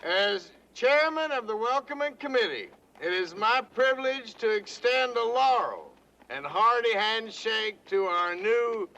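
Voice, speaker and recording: A man's voice: high-pitched, expressive, unhurried, sharp tone, heavily acted. An actor playing a formal town committee chairman, making a ceremonious speech in a western comedy film. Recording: dull, noisy old film audio.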